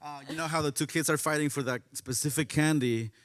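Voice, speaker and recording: A man's voice: on the high side, a little fast, noisy background. A young man hosting a church panel talk, playful and rambling as he asks the others questions. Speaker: panel host. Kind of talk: casual panel chat.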